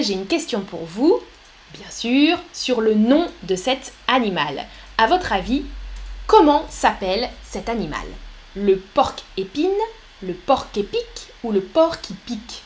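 A woman teaching a live French lesson, speaking slowly and clearly and reading out viewer comments. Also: on the high side, sing-song, a little hiss or hum.

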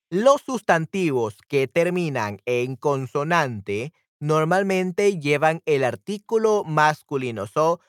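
Lively, unhurried man teaching Spanish. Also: fairly high pitch, dry recording, clean studio sound. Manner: upbeat, reacts to viewers' comments by name; explains in Spanish, then repeats in English. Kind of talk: live online grammar lesson.

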